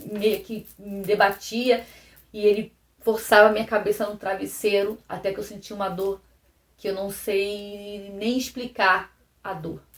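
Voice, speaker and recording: A woman with a Brazilian Portuguese accent giving a personal testimony to camera, halting and repeating phrases, often dropping to a soft low voice. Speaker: vlogger. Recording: roomy echo.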